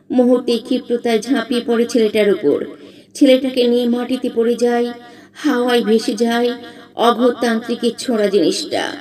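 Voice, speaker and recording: High-voiced woman narrating a ghost story. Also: warm tone, recorded from a distance, rough recording. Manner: measured, suspenseful storytelling.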